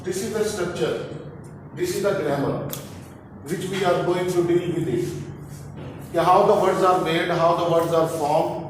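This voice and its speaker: A male teacher lecturing on word structure, explaining slowly and repeating key terms as he switches between English and Hindi-Urdu. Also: sits high, steady tone, noisy background. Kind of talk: classroom lecture on linguistics. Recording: very echoey room, heard from a distance.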